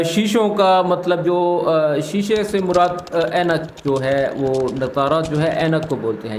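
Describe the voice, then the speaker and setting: A man hosting a language lesson, patiently explaining phrases and repeating them slowly. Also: sits high, roomy sound, a little hiss or hum. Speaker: Arabic teacher, channel host.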